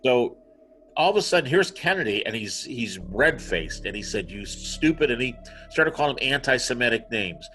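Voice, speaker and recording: A man's voice: medium pitch, normal speed, faint music behind, rough recording. A man who is a guest author, telling a story animatedly over a video call. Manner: animated storyteller, acts out quotes. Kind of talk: conversational storytelling.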